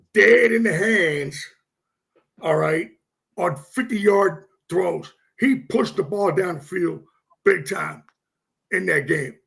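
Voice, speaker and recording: A man co-hosting a football talk show, excitable and profane, often repeating himself as he makes his points. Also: high voice, vocal fry. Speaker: sports show co-host.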